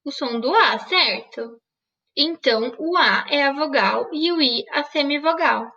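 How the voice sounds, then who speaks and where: A woman's voice: sits high, animated, measured pace, bright, forceful tone, distant mic, muffled recording. A woman teacher giving an online grammar lesson, asking questions and answering them herself. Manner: didactic, asks and answers her own questions.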